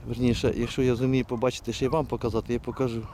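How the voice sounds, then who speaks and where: A man filming his hunt with hounds in fields and woods, giving a hushed, muttered running commentary to viewers on a handheld camera and calling to his dogs. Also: mid-range voice, flat delivery, rapid-fire, noisy background. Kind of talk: live outdoor hunting commentary to viewers.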